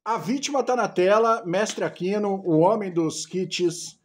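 A man presenting a candy challenge casually as host of an outdoor vlog, with a husky voice. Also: high-pitched, a little slow. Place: outdoors at a house patio.

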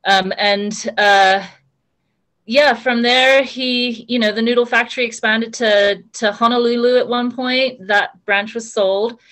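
A woman's voice: fairly high pitch, steady tone, a little slow, fairly bright tone. A young woman from Hong Kong, speaking on a video call from a room at home, talking casually with many ums and restarts. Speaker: panelist. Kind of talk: casual conversational answer.

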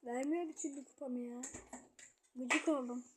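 A young woman casually commenting on her gameplay, muttering to herself and then shouting at opponents. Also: sits high, steady tone, normal speed, noisy background. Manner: chatty, swings between muttering and loud outbursts at opponents. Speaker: gamer streamer.

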